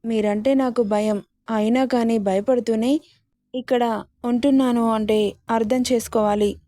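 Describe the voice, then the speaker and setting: A woman's voice: fairly high pitch, fairly even intonation, unhurried, dark tone, dry recording, studio quality, natural voice. A woman voicing a tearful, stubborn fifteen-year-old bride who pleads and talks back like a child. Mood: pleading.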